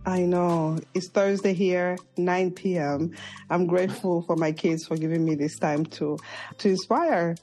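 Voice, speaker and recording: A woman host leads the conversation, asking questions in an encouraging manner. Her voice is on the low side, with faint music in the background. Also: steady tone, unhurried, mellow. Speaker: podcast host. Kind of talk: remote interview conversation.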